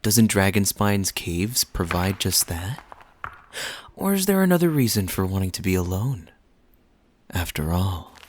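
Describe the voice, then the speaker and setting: A man's voice: lowish voice, slight background noise. Man playing suave, teasing Kaeya, swooping flirtatious lilt. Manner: smooth-talking, playful, coy, lingering phrasing. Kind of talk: romantic interactive audio roleplay, spoken to the listener.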